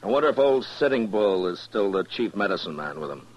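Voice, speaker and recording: An American man playing a firm, plain-spoken, principled frontier marshal in an old-time radio western, measured in his delivery. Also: fairly low pitch, big pitch swings, muffled recording. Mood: curious, measured. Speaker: lead actor and narrator.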